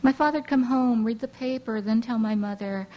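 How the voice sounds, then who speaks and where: A woman poet raised speaking Hawaiian Pidgin English gives a measured reading of her poems to an audience, with halting asides between them. Her voice is a little high, and the recording is muffled.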